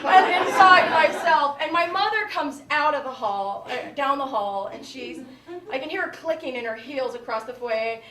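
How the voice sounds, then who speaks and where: A woman comedian telling a stand-up story in an animated way, acting out the people in it. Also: high-pitched, normal speed. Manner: animated, voices characters. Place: comedy club. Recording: echoey comedy club, loud crowd, far mic.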